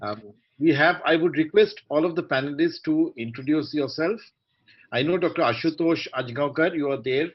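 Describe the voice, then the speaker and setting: Measured Indian man moderating, dull call audio. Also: on the high side, husky. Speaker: panel moderator and senior doctor. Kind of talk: formal online panel moderation. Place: online video call.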